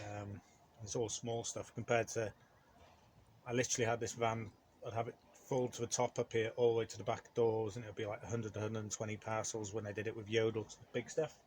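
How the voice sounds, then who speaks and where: A man's voice: mid-range voice, a little hiss or hum. A man, a van courier, chatting casually to camera in a rambling way with lots of ums. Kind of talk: casual vlog talk to camera.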